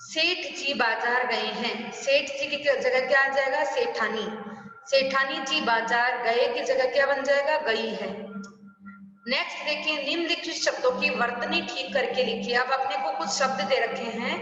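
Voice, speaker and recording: A woman's voice: high-pitched, unhurried, pushed and bright, slight background noise. A woman teaching a school language class online, patiently explaining step by step and asking the class questions. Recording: distant echoey lo-fi room recording.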